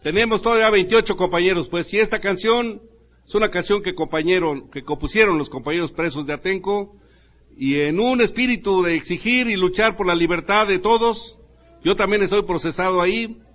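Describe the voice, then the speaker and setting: A man's voice: sits high, a little fast, a bit bright. A man with a Mexican accent, a guitarist, introduces a song in unscripted, repetitive phrases to a gathering. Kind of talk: spontaneous speech to a gathering. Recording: dull lo-fi live recording.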